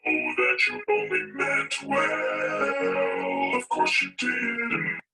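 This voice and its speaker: A man singing a pop song through a hissy noise vocoder, like a cochlear implant simulation, slow and drawn out. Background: faint music.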